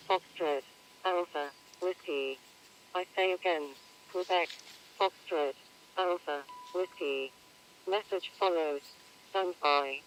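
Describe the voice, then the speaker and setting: A man's voice: high-pitched, fairly bright tone. A synthetic male radio operator voice heard over a radio transceiver, giving clipped procedure words and spelled-out letters. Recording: noisy radio receiver audio.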